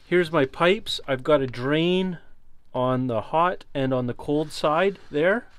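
A man giving a relaxed walkthrough of his trailer build, explaining as he goes with some fillers. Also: a little high, slow pace. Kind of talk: casual walkthrough tour. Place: inside a converted cargo trailer.

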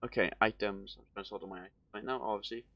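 A young Welshman streams a game from a room at home, rambling casually to his chat through a headset. His lowish, gravelly voice is very fast with fairly even intonation, and the recording has no echo and cut-off highs.

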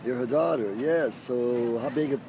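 A man casually interviewing a vendor at an outdoor farmers market, speaking in halting phrases with false starts. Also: mid-range voice, a crowd in the background. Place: outdoor farmers market beside a parking lot. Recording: outdoor traffic noise. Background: street and vehicle sounds.

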